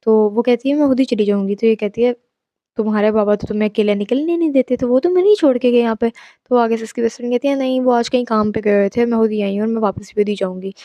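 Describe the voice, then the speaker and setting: Young woman, casual horror storyteller, chatty asides, quick delivery, dry close sound. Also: fairly high pitch, no echo, muffled recording. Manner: chatty, mixes English asides, exclaims at the listener.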